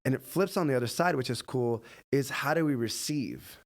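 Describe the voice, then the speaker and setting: A man's voice: medium pitch, lively intonation, normal speed. Earnest, affirming man co-hosting a chat. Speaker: podcast co-host. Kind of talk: casual chat.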